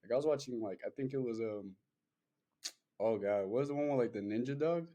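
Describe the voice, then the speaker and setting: A young man with a warm, mellow voice at a middle pitch, rambling in casual podcast chat. He talks loosely, full of fillers and cursing, circling back as he goes. It sounds like an easygoing conversation between friends. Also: fairly quick, dull audio. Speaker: podcast host.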